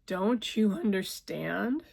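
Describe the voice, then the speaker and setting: A woman's voice: fairly low pitch, unhurried, gravelly, darkish tone. Distraught young woman on the edge of collapse, begging through tears, read by a woman. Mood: pleading. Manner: pleading, tearful, raised voice.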